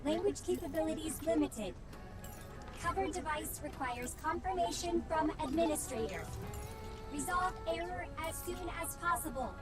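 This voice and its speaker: Tiny service drone from a game, high and clipped, loud game music behind. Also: female voice, moderate pace. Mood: robotic. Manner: clipped, formal status reports. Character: small service drone, flat machine-like announcer.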